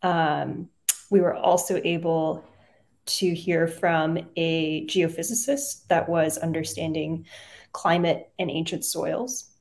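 Young woman science teacher on a webcam call, earnest, lots of ums, kinda low voice. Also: steady tone, gravelly, a little mellow. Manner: earnest, measured, frequent "um" pauses. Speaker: middle school science teacher. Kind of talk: testimonial interview answers. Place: home room with plain wall. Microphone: video call webcam.

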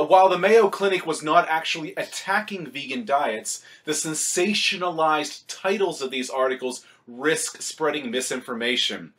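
A man's voice: fairly high pitch, fairly bright tone, breathy edge. A young man on his fitness vlog, reading a scripted commentary with emphatic, blunt asides, filmed on a webcam in a home kitchen. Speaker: vegan fitness vlogger.

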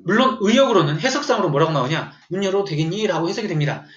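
A man's voice: sits high, expressive, rapid-fire, fairly bright tone. A man teaching English vocabulary to a class, telling a joking story and quizzing his students as he goes. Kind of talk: classroom lecture. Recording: echoey room, dull lo-fi sound.

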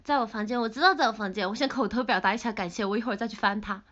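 A woman's voice: on the high side, very fast, fairly bright tone. Young woman, Sichuan-accented Mandarin, idol livestreamer, chatty and teasing, slightly muffled phone audio. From Sichuan, China. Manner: playful, pouty, chatty, laughs often. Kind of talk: casual livestream chat reading comments. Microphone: phone camera.

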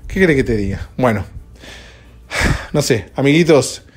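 Recording his solo podcast at home at dawn, a drowsy host with a Rioplatense Spanish accent rambles conversationally. He speaks at medium pitch in an animated, unhurried way, his voice carrying a breathy edge.

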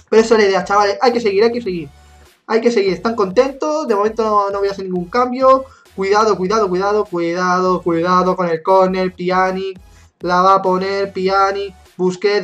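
A woman in her twenties with a Spain Spanish accent, commentating her own gameplay live, excitable and swearing often as she rants. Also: medium pitch. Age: 20s. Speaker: gaming YouTuber.

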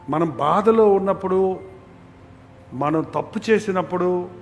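A man preaching a sermon, swinging between loud emphatic lines and hushed, soft ones. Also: high-pitched, big-room sound, a little hiss or hum. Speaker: pastor.

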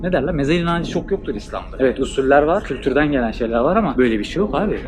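A man's voice: mid-range voice, animated, racing. A man giving a casual, curious walking-tour commentary as a travel vlogger, full of questions and exclamations. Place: walking through a cemetery outdoors. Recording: clear outdoor ambient noise.

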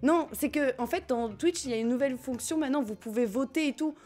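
A French woman with a high, slightly mellow voice talks fast while streaming a game, music playing in the background. She's chatty and giggly, swears casually and keeps talking to chat.

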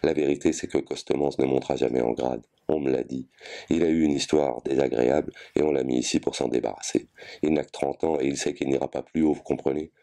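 Guy reading her as a bitter worked-up wife, talks nonstop, real low dark voice. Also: steady tone. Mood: resentful. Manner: voluble, ranting without pause. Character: overwrought colonial wife, bitter, volatile.

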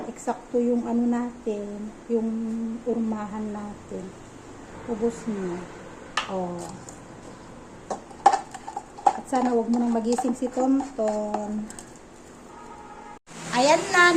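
A woman's voice: a little high, slow, long pauses, background noise. A woman vlogging casually at home, chatting and mixing English phrases into her talk. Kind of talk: casual home vlog narration.

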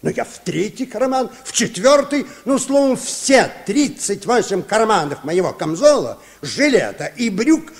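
An actor playing a boastful, excitable baron telling tall tales in a theatrical, pompous old radio play manner. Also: male voice, high-pitched, unhurried, gravelly, hardly any pauses, full character voice. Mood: dramatic, alarmed. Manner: theatrical, pompous, wildly dramatic. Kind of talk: mid-century Soviet radio play storytelling. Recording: reverberant old radio drama recording.

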